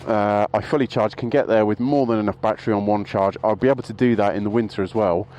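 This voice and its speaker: A man's voice: lowish voice, steady tone, fast, a little mellow, low-quality recording. A man vlogging casually about his motorbikes, rambling and often breaking off to restart his sentences. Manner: rambling, self-interrupting. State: out of breath. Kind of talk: casual vlog monologue. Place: outdoors by a road. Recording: outdoor street noise behind.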